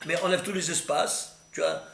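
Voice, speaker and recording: Animated rabbi, high bright voice, echoey room. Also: male voice, normal speed, gravelly. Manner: animated, quizzing listeners with questions. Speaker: rabbi teaching a class. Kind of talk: recorded Torah class. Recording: echoey room with faint noise.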